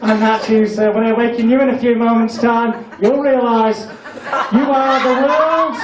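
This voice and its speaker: A man's voice: very high voice, fairly even intonation, moderate pace. A man with a British accent doing comedy stage hypnosis, giving commanding hypnotic instructions mixed with cheeky, blunt banter to the people on stage. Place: live comedy show on stage. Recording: echoey room, distant mic, audience noise. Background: audience crowd.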